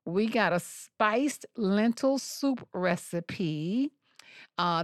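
A woman's voice: mid-range voice, clean tone, dry recording, clean studio sound. A woman co-hosting a casual food and health chat like a cooking show host, folksy, playful and emphatic, speaking straight to the audience. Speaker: podcast co-host.

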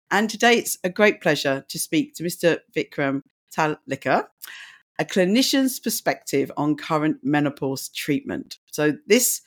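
The host of a health podcast, a woman with a low voice gone hoarse and croaky from lack of sleep, reads out her guest's introduction and then poses interview questions.

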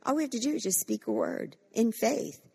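Husky woman pastor preaching fervently. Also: a little high, expressive, fairly quick, mellow. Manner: fervent, acts out quoted voices, many restarts. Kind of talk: sermon leading corporate prayer.

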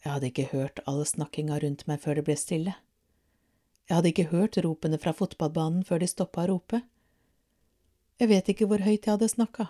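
Brief: calm storybook reader, woman with a low, mellow voice. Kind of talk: storybook reading.

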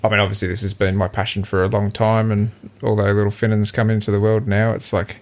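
Gravelly Australian man, casual chat. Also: fairly low pitch, fast. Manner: relaxed, rambling with fillers and restarts. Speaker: podcast co-host.

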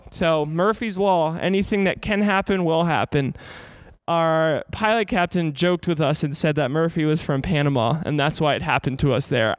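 A man's voice: sits high, dry recording. A man hosting a podcast, telling travel stories in a chatty, informal, explanatory way. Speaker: podcast host. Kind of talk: casual first-person travel storytelling. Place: inside an abandoned church.

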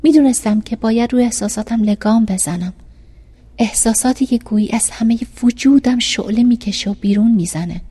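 A woman narrating a first-person diary story in a calm reading voice. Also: a little high, slightly rough. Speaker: audiobook narrator.

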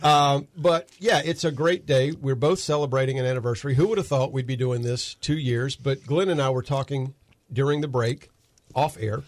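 Folksy talk radio host. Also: male voice, mid-range voice, steady tone, moderate pace, no room sound. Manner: folksy, sarcastic, lots of fillers. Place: radio studio. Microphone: studio microphone.

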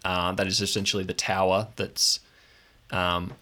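A man improvising narration as a tabletop game master, halting as he searches for words. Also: low voice, level tone, bright, forceful tone.

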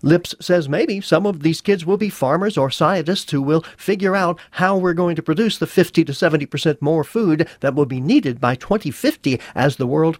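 A man's voice: on the high side, no echo, studio quality. An American man reporting for radio, narrating a scripted feature in a folksy, conversational storytelling way.

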